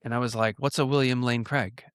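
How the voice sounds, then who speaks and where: A man in his late thirties from New York, a pastor guest, telling stories in an earnest, lively conversational way. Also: medium pitch, fairly quick, clean tone, no room sound, clean studio sound. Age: 30s. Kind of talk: casual conversation.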